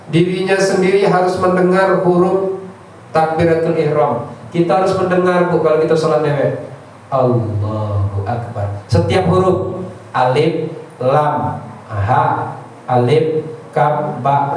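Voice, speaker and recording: A man's voice: a little high, a little mellow. A man gives an informal religious lesson to a congregation in a prayer room, talking conversationally and often asking "ya" and "ya tak". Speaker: religious teacher. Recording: echoey room, distant mic, faint noise.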